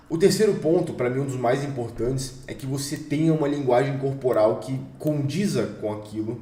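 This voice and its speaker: A young Brazilian man, an online course instructor with a Brazilian Portuguese accent, gives a casual motivational lesson in a medium-pitched, dark voice. He is emphatic and slangy and sometimes swears. The recording has a roomy echo and he sits a bit far from the mic.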